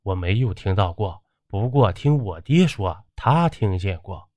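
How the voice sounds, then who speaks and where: A timid young ferryman pleads anxiously, as a male narrator takes on his part. The voice stays low but moves expressively. It is dry and close to the mic. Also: animated, measured pace, darkish tone, no room sound. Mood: cautious.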